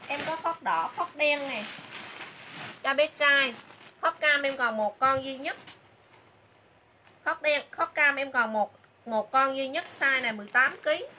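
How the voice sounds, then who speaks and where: A woman runs a chatty livestream sales pitch, repeating each item and price to her viewers. Her voice sits high and sounds bright and sharp. A faint hiss of noise runs underneath. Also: unhurried, pauses often. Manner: chatty, calls viewers "dear sisters". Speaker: livestream clothing seller.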